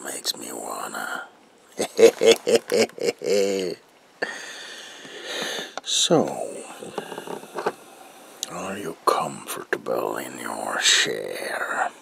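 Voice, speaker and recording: A man playing a gleefully menacing clown supervillain as a mad doctor in an ASMR roleplay, with a gravelly, breathy voice and theatrical, drawn-out phrasing. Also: very deep voice, fairly bright tone, slight background noise, exaggerated voice. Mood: manic, menacing.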